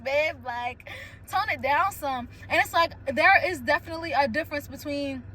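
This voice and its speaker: A young woman hosting a casual solo chat, telling stories candidly with lots of "like" and quick laughs. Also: high voice, a little hiss or hum, poor audio. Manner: candid, animated storytelling with frequent "like" and laughs. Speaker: podcast host.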